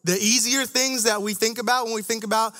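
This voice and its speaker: High-voiced man preaching casually. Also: fairly even intonation, fairly quick, pushed and bright. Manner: conversational, laughs at his own stories; rises into emphatic preaching cadence. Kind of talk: sermon to young adults.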